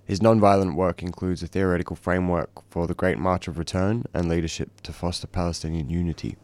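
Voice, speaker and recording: A male radio host reading out a speaker's introduction in a measured way, with the odd "um". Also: deep voice, fairly even intonation, a little mellow, no echo. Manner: measured, with occasional fillers.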